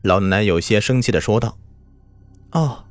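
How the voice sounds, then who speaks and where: A man's voice: lowish voice, fast talker, dry recording. A man telling a scripted horror story in a dramatic style that builds tension, over background music.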